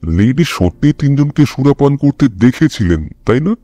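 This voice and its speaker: A man acting out a sharp, restless detective in a storybook audio drama, probing and lecturing in a measured way. The voice sits low and mellow. It sounds close and dry. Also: lively intonation, no echo, close to an everyday voice. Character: sharp, restless male detective, middle-aged.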